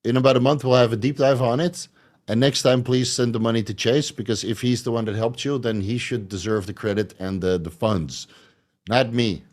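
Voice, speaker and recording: A man's voice: medium pitch, steady tone, normal speed, a little mellow. A man hosting a casual livestream, reading out viewer questions and explaining his answers at length with frequent fillers. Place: at home.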